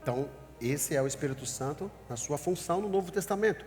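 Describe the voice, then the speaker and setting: A male pastor delivers an emphatic sermon with a fairly high voice. He keeps warning his listeners and speaking straight to them. His voice hangs in a long reverb over soft background music. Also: animated, quick pace. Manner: emphatic, warning, addresses the congregation.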